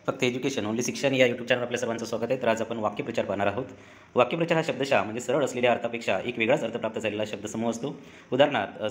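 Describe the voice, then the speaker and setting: Brisk low-voiced man reading a list. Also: a bit bright, slight background noise. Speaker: teacher. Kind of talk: reading a Marathi idiom list.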